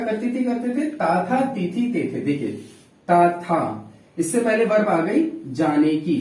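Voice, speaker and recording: Brief: male teacher, high and animated delivery, slow dictation of examples, recorded from a distance. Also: roomy sound. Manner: explains slowly, dictating example sentences word by word. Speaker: English grammar teacher. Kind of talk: classroom-style grammar lesson.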